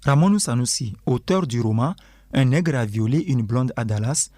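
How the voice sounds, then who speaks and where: Husky, formal male radio presenter. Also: mid-range voice, animated, warm tone, dry recording, studio quality. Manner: measured, formal announcer delivery.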